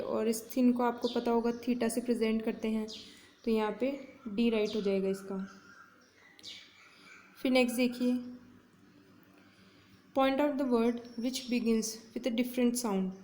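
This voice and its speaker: Indian woman teacher, patient exam-prep lesson, slow, soft mellow tone. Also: fairly high pitch. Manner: slow, patient explaining, reads questions out word by word. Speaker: English teacher.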